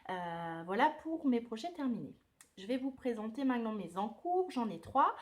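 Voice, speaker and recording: A woman's voice: a little high, very animated, moderate pace. Chatty woman knitting podcaster. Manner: chatty, with many hesitations and self-corrections. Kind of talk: casual knitting video podcast.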